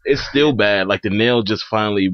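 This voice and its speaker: A man's voice: lowish voice, moderate pace, no echo. A young man from Cleveland with a Cleveland accent telling a funny story in casual chat, acting out what people said. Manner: animated, acts out quotes, laughs often. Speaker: guest. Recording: dull lo-fi dry sound.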